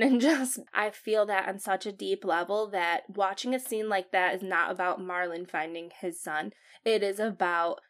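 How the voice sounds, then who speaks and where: A young woman hosting a casual solo podcast, talking frankly and emotionally, swearing and filling her speech with "like". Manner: emotional, frank, swears, many "like" fillers, acts out film lines in a higher voice. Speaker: podcast host.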